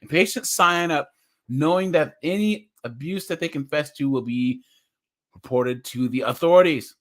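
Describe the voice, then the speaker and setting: A man's voice: on the high side, normal speed. A young man giving casual reaction commentary as a streamer, chatty, laughing often and restarting his words as he reads.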